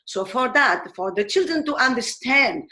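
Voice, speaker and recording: Earnest woman, higher voice. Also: lively intonation, pushed and bright. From Spain. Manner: earnest and searching, with frequent pauses and fillers. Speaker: teacher. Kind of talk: explanatory talk in a video series.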